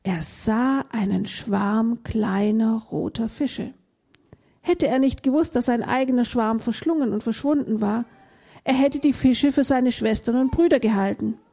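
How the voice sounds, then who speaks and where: Gravelly, husky woman reading a story. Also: on the high side, a little slow, mellow. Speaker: reader. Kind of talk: children's story read aloud.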